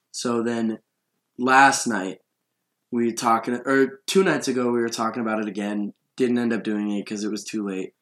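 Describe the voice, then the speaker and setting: A young man in casual podcast chat, telling a long story in loose, rambling sentences. His voice sits at an ordinary mid pitch, and he laughs easily as he goes. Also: fairly bright tone. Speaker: podcast host.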